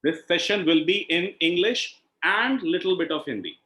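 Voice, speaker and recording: This session host, a healing instructor with an Indian accent, has a high-pitched, animated voice that sounds pushed and bright, at normal speed. He lectures didactically on an online call, regularly checking in with "right?". The audio comes through a video call in an echoey room.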